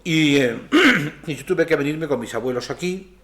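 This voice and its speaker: An older man from Spain, a guest in an interview, telling stories from his childhood in an unhurried, hesitant way with many fillers. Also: a little high, fairly bright tone. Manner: rambling, hesitant storytelling. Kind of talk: casual interview.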